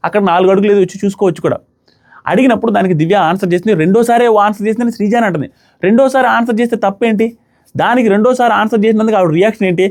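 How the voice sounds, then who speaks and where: Young man, show reviewer, very fast talker, fairly high voice, argumentative, emphatic. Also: a little mellow. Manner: argumentative, emphatic, repeats his points. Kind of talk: opinionated commentary.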